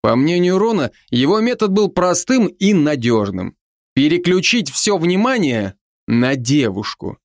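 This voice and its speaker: A man narrating a science fiction story in the first person, expressive and wryly ironic. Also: fairly high pitch, unhurried, no room sound, studio quality. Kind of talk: audiobook narration.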